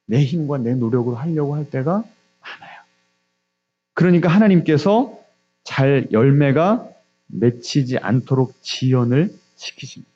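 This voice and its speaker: A man's voice: expressive, unhurried, lo-fi sound. A man preaching a sermon as pastor, asking the congregation questions and answering them himself. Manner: acts out God's voice with quiet, low asides.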